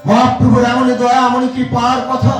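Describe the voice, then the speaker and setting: Guy preaching in a sing-song chant, high voice, huge cathedral echo, sounds far from the mic. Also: monotone, normal speed. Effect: heavy booming echo, like a cathedral. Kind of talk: devotional sermon. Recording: echoey hall from far off, music behind.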